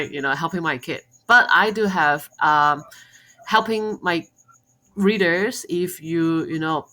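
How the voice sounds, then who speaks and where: A woman's voice: low voice, fairly bright tone, low-quality recording. A woman from Hong Kong with a Hong Kong accent, a guest on a podcast interview, speaking English as a second language with many fillers and restarts. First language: Cantonese. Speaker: guest, homeschooling mom and blogger.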